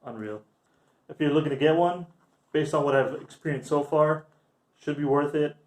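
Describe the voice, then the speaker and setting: A man's voice: fairly high pitch, moderate pace. A young man chatting casually and enthusiastically to camera as an airsoft reviewer, using informal slang. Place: backyard outdoors, later a room indoors.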